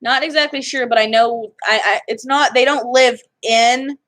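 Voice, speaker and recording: A woman's voice: a little high, steady tone, normal speed, a bit bright. A young woman chatting casually for her vlog, rambling and cutting herself off mid-sentence. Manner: chatty, rambling, self-interrupting. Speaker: vlogger. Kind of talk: casual chat.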